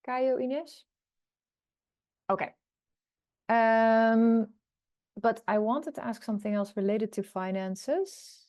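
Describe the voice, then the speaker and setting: A woman with a highish, slightly mellow voice hosts an online college information day over a video call, speaking slowly with long pauses. Friendly and moderating the Q&A, she relays questions and passes them to staff and students.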